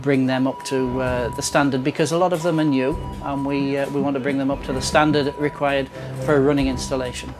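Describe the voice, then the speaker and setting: A man's voice: mid-range voice, flat delivery, fairly quick, hardly any pauses. Male interviewee, mid-range, hesitant explanation, music underneath.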